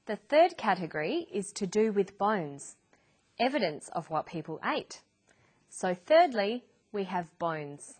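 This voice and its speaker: A woman presents an English lesson at an unhurried, measured pace. Her pitch sits in a middle range, and she delivers each point clearly and deliberately, as in a scripted educational narration. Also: big pitch swings, a little mellow. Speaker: English teacher.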